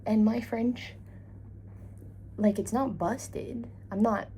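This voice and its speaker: In her travel vlog, a young woman from Labrador, Canada, whose first language is English, wanders through casual, self-deprecating chatter, feeling hot and tired. She speaks slowly in a mellow, steady voice pitched on the high side, with a little hiss or hum present.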